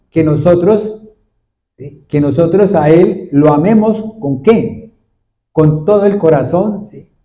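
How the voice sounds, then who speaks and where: A male pastor preaching a sermon to a congregation, repeatedly asking them questions in a steady, repetitive cadence. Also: high-pitched. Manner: asks the congregation frequent questions. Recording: dull lo-fi recording. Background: seated congregation.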